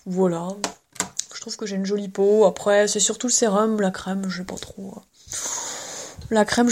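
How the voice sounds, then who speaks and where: A woman hosting an unscripted podcast, talking casually with many fillers and small laughs while walking around her home. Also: mid-range voice. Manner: chatty, hesitant, many fillers and soft laughs. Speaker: podcast host.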